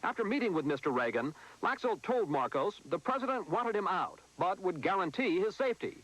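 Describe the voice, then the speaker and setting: A man's voice: high-pitched, very animated, fairly quick, fairly bright tone, poor audio. A man delivering a scripted news report. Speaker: news correspondent.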